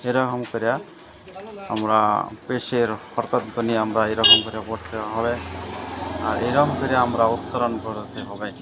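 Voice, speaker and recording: A man teaching Quran reading, slowly and methodically drilling each letter with its vowel mark. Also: medium pitch, flat delivery, noisy background. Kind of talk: slow letter-by-letter recitation lesson.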